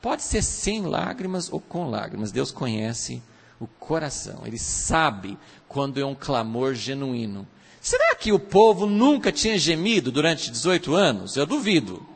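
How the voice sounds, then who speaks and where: Animated preacher man in a hall. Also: mid-range voice, unhurried, vocal fry, breathy edge. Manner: animated, acts out voices in quotes. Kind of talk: sermon. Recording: reverberant hall.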